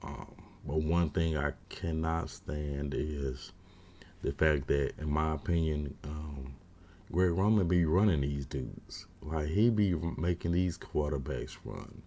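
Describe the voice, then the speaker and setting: A man's voice: extremely low pitch, slow. A man in his thirties giving casual, opinionated postgame football commentary from a small room at home on a webcam, with lots of slang and fillers. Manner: opinionated, gets loud and exasperated when ranting. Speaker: sports fan commentator.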